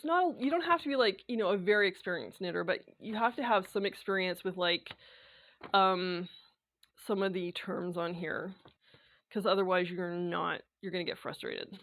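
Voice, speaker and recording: A woman vlogging in a casual, rambling chat, full of fillers and quick laughs, her voice slightly worn from dry air. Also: medium pitch, a bit bright. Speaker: sewing and knitting vlogger.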